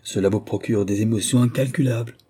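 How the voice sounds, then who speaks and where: Man voicing a calm, wry aristocratic father. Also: lowish voice, brisk, breathy edge. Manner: tranquil, gently teasing.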